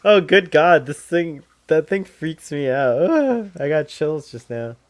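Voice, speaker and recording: A man's voice: fairly high pitch, big pitch swings, measured pace, no echo. A man chatting casually as a watch-along co-host, giving offhand commentary.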